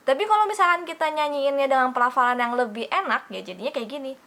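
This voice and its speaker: A woman's voice: sits high, expressive, quick pace, bright, forceful tone. A young woman teaching Mandarin in a casual video lesson. She is chatty, calls herself by her own name and keeps asking the viewers rhetorical questions.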